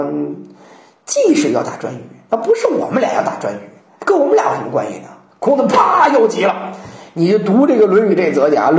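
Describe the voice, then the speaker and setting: A woman lecturing on classical poetry, telling stories in an animated way and acting out quotations. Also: on the low side. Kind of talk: lively storytelling lecture. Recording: roomy echo.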